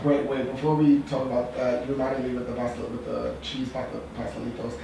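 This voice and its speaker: A man's voice: medium pitch, level tone, a little fast, creaky, dark tone. A young man talks in casual slang and repeats himself as he goes. He comes across as a podcast co-host, recorded at a distance in a noisy, heavily reverberant room. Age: young adult. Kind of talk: casual chat. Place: echoey room called a studio.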